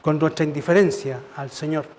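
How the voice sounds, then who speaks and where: A man's voice: a little high, steady tone, a little fast, darkish tone. A man preaching as pastor, conversational and asking rhetorical questions. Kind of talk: sermon. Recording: church service.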